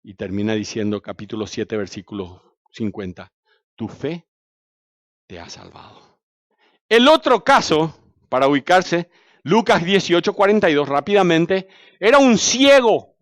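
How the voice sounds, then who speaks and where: A man with a Paraguayan accent preaching a sermon, telling stories animatedly, swinging from loud to hushed and asking the congregation questions. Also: on the high side, very animated, normal speed, dry recording, clean studio sound. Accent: Paraguayan Spanish.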